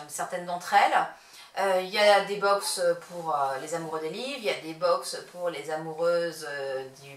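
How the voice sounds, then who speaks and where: A woman's voice: mid-range voice, sharp tone. A woman hosting a casual pet unboxing vlog at home, chatty and hesitant, with frequent fillers. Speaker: pet channel host. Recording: roomy echo, mic at a distance, faint noise.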